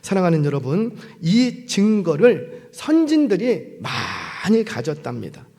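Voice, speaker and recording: Animated high-voiced pastor preaching. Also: male voice, a little slow. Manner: animated storytelling, acting out voices and questioning the congregation. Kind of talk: sermon. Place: church sanctuary. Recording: long hall reverb.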